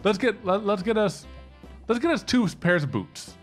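This is a man chatting through a video game session on stream. He gets excitable fast, tripping over his words and repeating himself, and his pitch swings widely. Game music plays clearly behind him. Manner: excitable, quick exclamations and stammered repeats. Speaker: gaming channel co-host. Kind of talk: casual let's-play chat.

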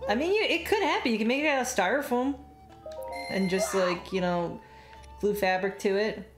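Woman co-streamer, giggly and chatty, sleepy edge; echoey room, game music clearly underneath. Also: medium pitch, moderate pace. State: sleepy, yawning. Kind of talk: casual chat during a game stream.

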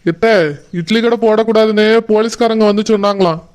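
Man voicing a gentle reassuring village husband. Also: sits high, a little fast, clear, resonant tone, lightly acted. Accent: Tirunelveli Tamil. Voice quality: calming, patient. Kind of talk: cartoon voice acting.

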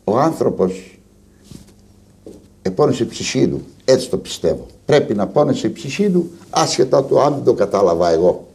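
A man with a Cretan accent tells stories in an interview, his voice swooping up and down as he acts out what people said. His tone is mellow and dark, with a gravelly rasp underneath. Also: medium pitch. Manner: animated storyteller, acts out dialogue. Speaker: lyra musician, interviewee. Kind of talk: storytelling in an archive TV interview.

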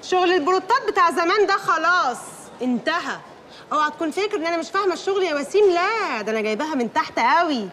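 An actress playing a bossy young wife who has become her husband's manager, scolding him rapidly in an Egyptian accent. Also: very high-pitched, animated, bright, forceful tone, slight background noise, heavily acted. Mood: stern. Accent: Egyptian Arabic. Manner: bossy, scolding, quick-fire. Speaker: wife newly made her husband's boss.

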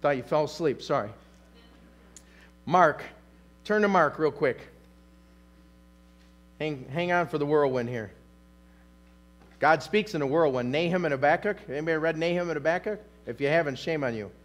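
A man's voice: a little high, normal speed, long pauses. A male pastor preaching a sermon in a church, emphatic and repetitive, asking the congregation questions. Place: church sanctuary.

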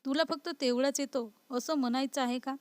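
A woman reading aloud gives voice to a playful young husband who keeps needling his wife. The tone is light and mocking, slightly high, and the voice sits dry and close. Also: fairly even intonation, fairly quick, clear, resonant tone, dry recording, natural voice. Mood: teasing.

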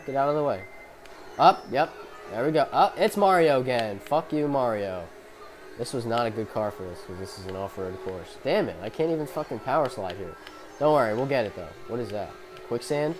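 A man's voice: mid-range voice, animated, fairly quick, music in the background. A young man, sick and coughing, giving casual, profane, rambling commentary over a racing game from his bedroom on a headphone mic. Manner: profane, rambling, self-mocking. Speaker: gameplay commentator.

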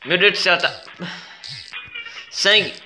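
A man with a Brazilian accent doing gameplay commentary, exclaiming, swearing and pleading at the game, with sudden high yelps. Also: takes it slowly, music in the background. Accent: Brazilian Portuguese. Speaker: gaming video creator.

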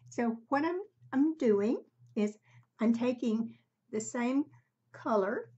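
An older woman with a husky, warm, fairly high voice hosts a casual craft tutorial from her home craft room. She talks in an unhurried, halting, conversational way, and the recording sounds slightly dull and muffled.

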